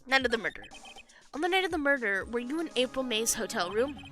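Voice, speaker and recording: A woman's voice: on the high side, big pitch swings, quick pace, music in the background, voice pushed up. A woman reading the lines of an earnest young male defense lawyer in a plain, questioning voice.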